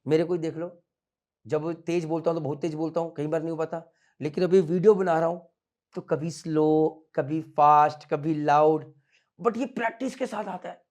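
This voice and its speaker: A man's voice: sits high, a little mellow. A man in his thirties coaching students for interviews, blunt and scolding, switching between Hindi and English. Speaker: merchant navy interview coach. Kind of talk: coaching talk to camera. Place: room with students standing behind.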